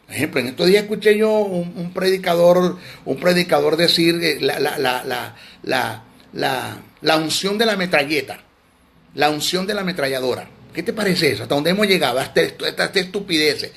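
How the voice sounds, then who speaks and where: A man's voice: on the high side, animated, fairly quick, creaky, a bit bright. A man teaching theology in a sermon, emphatic and scolding, often repeating words.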